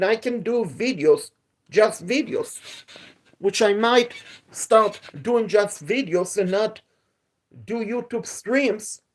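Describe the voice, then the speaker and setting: A man's voice: high voice, darkish tone. A man hosting a live stream outdoors at night, talking in a repetitive, aggrieved, lecturing way. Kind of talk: casual live stream talk. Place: outdoors at night near a pool.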